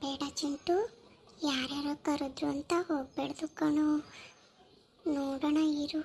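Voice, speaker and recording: A woman voicing a gentle, cautious orphaned little girl in a cartoon, speaking slowly and softly. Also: sits high, little pitch movement, vocal fry. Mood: wary. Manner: slow, soft and pleading. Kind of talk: cartoon voice acting.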